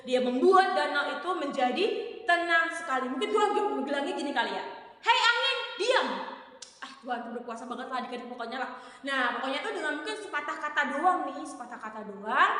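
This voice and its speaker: Playful young woman preaching to children. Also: high voice. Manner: playful, animated, addresses kids directly. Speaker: children's ministry teacher. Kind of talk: children's sermon storytelling. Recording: echoey hall reverb.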